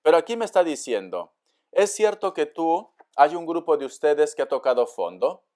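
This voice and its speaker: A man giving a tarot reading to camera in a warm, coaxing way, often calling the listener dear and acting out their doubts. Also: on the high side, sing-song, moderate pace. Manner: acts out the listener's doubts in quotes. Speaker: tarot reader.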